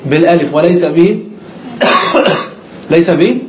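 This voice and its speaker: A man's voice: fairly high pitch, slow, reverberant, background noise. A man teaching an Arabic grammar class, who explains step by step, asks the students questions and repeats the key words.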